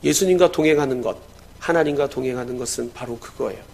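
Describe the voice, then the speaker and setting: A male pastor preaching a sermon, telling a story and swinging between loud exclamations and hushed lines. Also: mid-range voice, fast talker, gravelly, a little hiss or hum.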